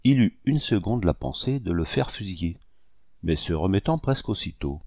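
A man narrates a classic novel in a steady, measured reading. His voice is low and mellow. The recording is dry, with no room sound. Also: no room sound. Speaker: audiobook narrator. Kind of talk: scripted narration.

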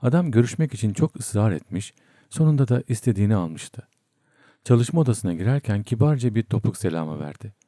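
A man reading a novel aloud in steady, measured audiobook narration. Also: fairly low pitch, no room sound, studio quality.

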